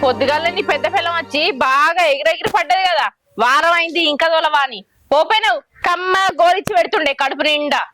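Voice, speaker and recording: A woman's voice: high-pitched, fast talker, pushed and bright, faint music behind. A woman, playing a defiant, sarcastic village wife who argues with her husband and her father. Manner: combative, sarcastic. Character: defiant sharp-tongued village wife, one of two. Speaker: actor in a village comedy short.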